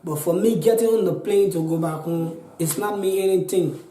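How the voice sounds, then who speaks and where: Man, 20s, Liberian accent, pleading, repetitive, dark tone, echoey room. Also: sits high, moderate pace, slight background noise. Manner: pleading, repetitive, restarts often. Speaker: interviewee. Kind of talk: earnest personal account.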